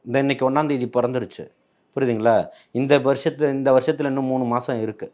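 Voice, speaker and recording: A man argues as a party spokesman in a political interview. He talks in a combative way and keeps firing rhetorical questions. His pitch sits in an ordinary middle range for a man. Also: fairly even intonation, quick pace, a little mellow.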